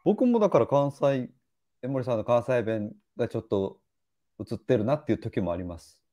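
A man's voice: mid-range voice, animated, normal speed, warm tone. A man chatting casually as co-host, agreeing often and adding short questions. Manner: frequent eager backchannel agreement. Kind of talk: casual chat.

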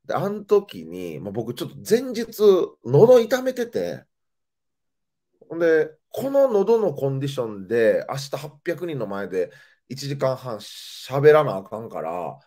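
A man from Nara with a Kansai accent, hosting a casual chat and telling stories in an animated, expressive way. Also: mid-range voice, normal speed. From Nara, Japan. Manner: animated, expressive storytelling with laughter. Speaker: host.

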